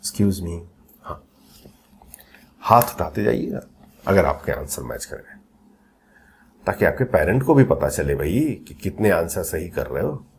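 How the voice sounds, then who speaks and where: Lively low-voiced Hindi maths teacher. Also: male voice, vocal fry, a little hiss or hum. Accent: Hindi-English code-mixing. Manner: lively, chatty teacher, asks the class questions and jokes with students. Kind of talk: recorded coaching lecture.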